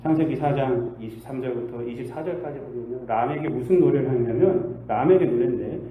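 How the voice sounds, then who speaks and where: A male pastor preaching a sermon, asking the congregation rhetorical questions and swinging between loud bursts and quiet asides. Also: mid-range voice, brisk, narrow, tinny audio. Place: church sanctuary. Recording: echoey church hall with faint hiss.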